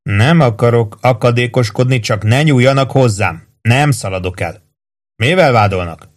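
A man's voice: mid-range voice, lightly acted. A man reading aloud, voicing a defiant young army private who answers back sharply. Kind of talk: audiobook reading.

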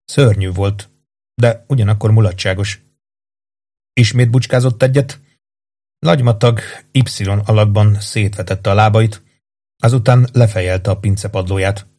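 Calm man narrating a dark story. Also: fairly low pitch, pauses often. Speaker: audiobook narrator. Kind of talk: scripted narration.

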